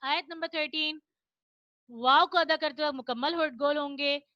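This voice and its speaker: Female tajweed teacher, high bright voice, slow patient delivery, dry close sound. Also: dry recording, muffled recording. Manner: explains rules, then chants verses slowly for repetition. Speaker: Quran recitation teacher. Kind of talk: online children's tajweed lesson.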